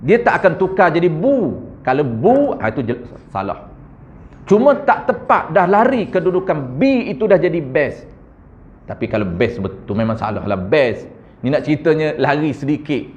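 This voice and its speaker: A man with a Malaysian Malay accent teaching correct Quran recitation, chanting verses slowly and correcting pronunciation. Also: fairly high pitch. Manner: addresses audience as tuan-tuan, frequent "ha". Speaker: religious teacher. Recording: muffled lo-fi recording.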